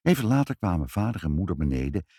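A middle-aged man reading a children's story aloud in a calm, measured way. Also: deep voice, husky, no echo. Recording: dry close reading.

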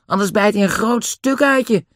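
A man voicing a calm, brave boy on a holiday adventure, speaking steadily. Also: sits high, moderate pace, no room sound, studio quality, voice pushed up. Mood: steady.

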